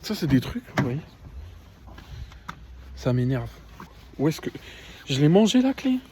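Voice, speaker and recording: A man's voice: medium pitch, expressive, a little slow, warm tone, slight background noise. A man in his twenties vlogging casually while driving and walking, exasperated and ranting, with crude swearing. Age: 20s. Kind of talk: casual vlog. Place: in a car on the road, then outdoors. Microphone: handheld phone camera.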